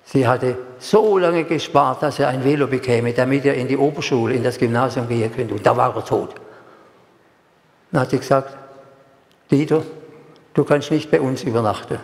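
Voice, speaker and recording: An older man from Germany preaching a sermon and giving personal testimony, speaking slowly and solemnly and repeating words for emphasis. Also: medium pitch, gravelly. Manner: slow, solemn delivery. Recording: echoey hall, long reverb.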